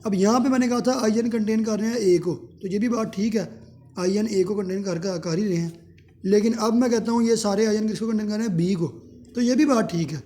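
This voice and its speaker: A man's voice: sits high, warm tone. A man giving a math lecture, who poses questions to the class and answers them himself.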